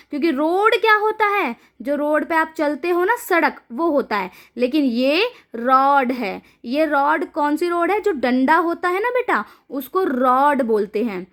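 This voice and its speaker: A woman with a high voice teaches young children to read, asking each question and then giving the answer herself. She spells words out letter by letter, slow and drawn out, in a patient classroom manner. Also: a bit bright. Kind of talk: children's phonics lesson.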